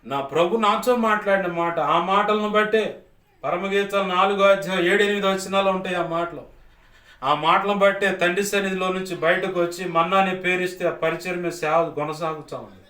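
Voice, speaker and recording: A man's voice: sits high, steady tone, moderate pace, bright, forceful tone. A man, preaching a sermon as pastor in an emphatic, repetitive cadence. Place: church hall. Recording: echoey church hall, distant mic.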